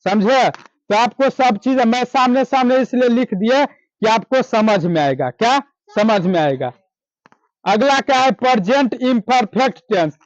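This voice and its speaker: A male teacher with a Bihar accent leads a classroom grammar lesson in a high, unhurried voice. He keeps asking the class questions and repeating the answers back. He draws out his English examples slowly, and the sound is dry and close. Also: lively intonation, no room sound, dull audio. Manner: drawn-out slow English examples.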